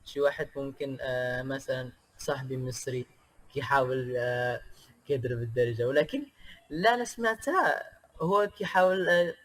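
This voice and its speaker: A man from Indonesia, a native Indonesian speaker, chatting as an interview guest in a hesitant way with many pauses and filler sounds. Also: medium pitch, fairly bright tone. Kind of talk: casual interview chat.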